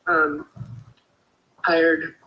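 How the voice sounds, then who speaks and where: A woman's voice: sits low, level tone, extremely slow, sharp tone. A woman being interviewed over a speakerphone, speaking hesitantly with many fillers. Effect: heard over a speakerphone. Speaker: interviewee, mother of the deceased. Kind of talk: remote interview. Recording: echoey speakerphone with faint hiss.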